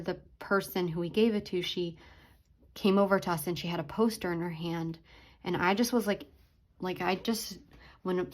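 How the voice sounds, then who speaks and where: A young woman telling a story while she draws, speaking softly and hesitantly, with many fillers and restarts. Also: fairly low pitch. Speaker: art vlogger. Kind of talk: casual storytime while drawing. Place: at home drawing.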